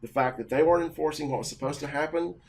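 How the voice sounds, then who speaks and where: A man's voice: on the high side, darkish tone, a little hiss or hum. Agitated man telling a work story. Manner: agitated, halting, many restarts. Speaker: office analyst. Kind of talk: casual personal story.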